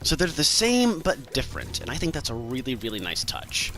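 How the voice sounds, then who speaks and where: A man's voice: mid-range voice, huge pitch swings, a little fast, pushed and bright, slight background noise. A man giving casual, chatty, self-deprecating commentary as host of a video game walkthrough. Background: game music.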